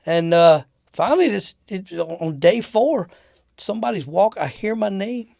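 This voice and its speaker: Man guest, gravelly storyteller, animated, dry close mic. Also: sits high, unhurried, dry recording. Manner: animated, acts out the people in his stories. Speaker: interview guest telling war-era travel stories. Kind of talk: casual storytelling.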